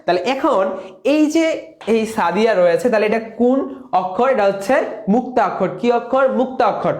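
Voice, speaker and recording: A man's voice: sits high, a little fast, darkish tone, echoey room. A man, tutoring for an admission exam, who keeps asking questions and answering them himself while repeating key words. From Bangladesh. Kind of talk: classroom lesson.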